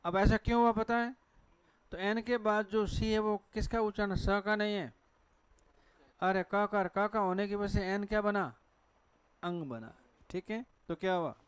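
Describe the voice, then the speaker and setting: A man with a Hindi accent teaches a class at a board, his voice high and crisp. He keeps asking questions and then answering them himself. The recording is dry and close. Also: fairly even intonation, a little slow, no echo. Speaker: English teacher. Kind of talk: classroom lecture on pronunciation.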